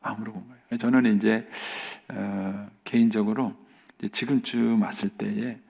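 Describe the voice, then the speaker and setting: Middle-aged pastor guy, gravelly voice, earnest dawn sermon, keeps going hushed almost whispering. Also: fairly low pitch, fairly even intonation, a little slow. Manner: earnest, often drops to a soft near-whisper for emphasis. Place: church sanctuary.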